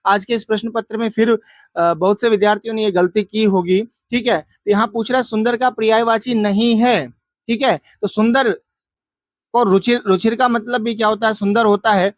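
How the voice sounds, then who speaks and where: A man's voice: sits high, fairly even intonation, moderate pace, dry recording. A man teacher going through exam answers, asking questions and answering them himself in a drilling, repetitive way. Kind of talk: exam answer walkthrough lesson.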